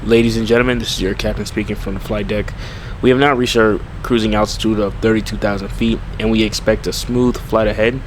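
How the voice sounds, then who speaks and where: Man playing a low-voiced airline captain making an announcement. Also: fairly even intonation, brisk, hardly any pauses, natural voice. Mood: courteous, formal. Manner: formal, scripted, polite. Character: courteous male airline captain addressing passengers. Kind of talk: airport-style in-flight announcement. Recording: rumbling aircraft noise behind voice.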